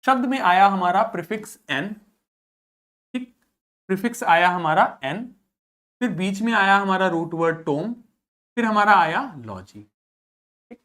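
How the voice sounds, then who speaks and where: Woman, teacher, vocabulary lesson, slow repeated pronunciation drills, check questions. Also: medium pitch, animated, a bit bright. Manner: asks rhetorical check questions.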